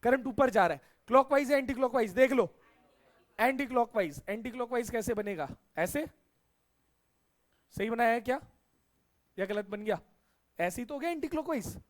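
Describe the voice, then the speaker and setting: A man's voice: extremely high pitch, animated, normal speed, pauses often. A man teaches a physics lesson. He keeps turning to his students with short questions and repeats each answer so they remember it. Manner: call-and-response questioning, repeats key answers. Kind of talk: classroom science lesson.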